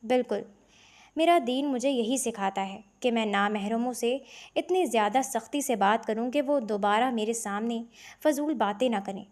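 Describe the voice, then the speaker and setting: A woman's voice: fairly high pitch, a little mellow, lightly acted. A woman reading a cold, scornful devout young woman.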